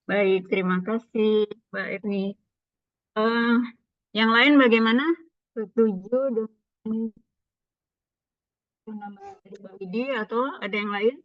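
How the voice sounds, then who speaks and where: A woman facilitator leading an online training discussion, giving calm and orderly instructions over a video call. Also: medium pitch, a little slow, long pauses, dry recording. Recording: dull dry video-call audio.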